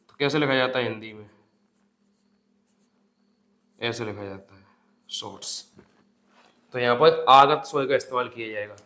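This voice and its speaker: A man's voice: mid-range voice, sharp tone. A man teaching Hindi grammar for an exam-prep class. He asks the class questions, answers them himself and drills each term by repeating it. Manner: calls the students "bhai", drills terms by repetition. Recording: echoey room.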